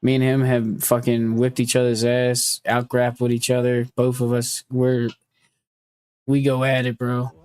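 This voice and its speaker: A man's voice: mid-range voice, completely flat delivery, unhurried, a little mellow, clean tone, no echo. A man talking casually on a podcast, loose and profane, cracking jokes as he goes. His voice sits in a middling range, and it's recorded close and dry, with no room sound around it. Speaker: podcast host. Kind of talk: casual chat.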